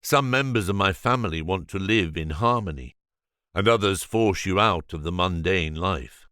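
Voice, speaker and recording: A proud, solemn coronavirus speaks of itself in a measured, formal tone, as a man reads it in an audiobook. The voice sits very low. The sound is close and dry, with no room around it. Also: lively intonation, sharp tone, dry recording. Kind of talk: audiobook reading.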